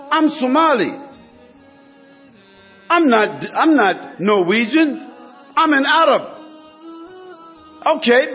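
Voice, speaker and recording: A man preaching a sermon to a congregation, building his points through emphatic repetition. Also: very high-pitched. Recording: dull lo-fi recording with faint music.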